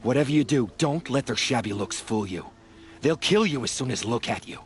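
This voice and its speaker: A man playing an aggrieved, excitable herb gatherer in a video game, with a dramatic, indignant delivery. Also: medium pitch, fairly quick, faint music behind, close to an everyday voice. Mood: bitter warning. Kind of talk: video game dialogue acting.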